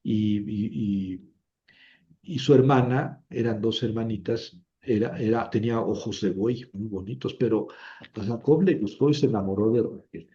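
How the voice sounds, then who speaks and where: A man's voice: on the low side, moderate pace, dark tone. A man giving an informal history lecture, retelling old stories in a chatty way, full of fillers and self-corrections. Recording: dull lo-fi recording.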